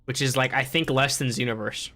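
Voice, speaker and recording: A man's voice: medium pitch, fairly even intonation, fairly quick, sharp tone. A young man hosting a gaming podcast, ranting in casual chat and swearing freely. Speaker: podcast host.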